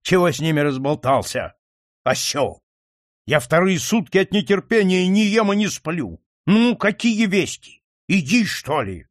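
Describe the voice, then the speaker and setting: A man's voice: high-pitched, very animated, measured pace, no room sound, studio quality, pitched above the performer's own voice, exaggerated voice. Man doing a bellowing furious old count. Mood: gruff. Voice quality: gruff, shouting. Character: hot-tempered old nobleman father, bellowing.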